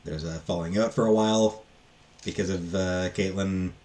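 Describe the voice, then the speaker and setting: A man with a very deep voice talks through a book review off the cuff, casual and rambling, his halting phrases tending to trail off. His tone is steady and darkish, with a little hiss or hum in the recording.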